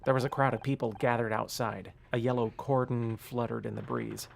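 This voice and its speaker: A gamer with a creaky, medium-pitched voice reads story narration dramatically. Casual, grumbling asides break in, and there is faint noise behind the voice. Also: brisk. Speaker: gamer reading a game aloud. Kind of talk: casual game playthrough with dramatic read-aloud narration.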